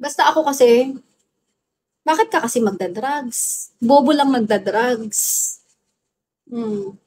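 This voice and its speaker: A woman's voice: a little high, takes it slowly, darkish tone. A woman from the Philippines chatting on a phone livestream, answering viewer comments bluntly, scolding hecklers and laughing often. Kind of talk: casual livestream chat reading viewer comments. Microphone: phone livestream mic.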